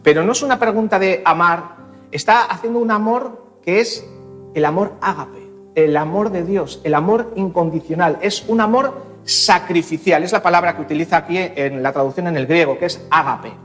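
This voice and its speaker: Animated Spanish pastor preaching. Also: male voice, high-pitched, moderate pace, soft background music. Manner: animated, acting out dialogue with voice shifts. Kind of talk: sermon. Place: church.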